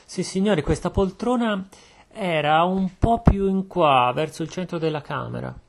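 A man's voice: sits high, unhurried, creaky, pitched above the performer's own voice, exaggerated voice. A man voicing a polite, deferential butler who answers formally. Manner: formal and respectful.

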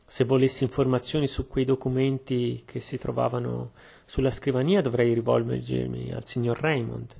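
A man voicing a shrewd, calm Belgian detective who speaks in a measured, deliberate way. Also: mid-range voice, vocal fry, breathy edge. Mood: calm, probing.

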